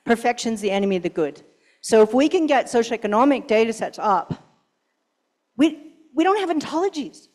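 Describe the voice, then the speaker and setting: A woman's voice: a little high, lively intonation, normal speed, a little mellow. A woman giving a conference keynote and answering questions, emphatic and urgent, often posing rhetorical questions. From Pacific Northwest, US. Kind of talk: conference talk and Q&A.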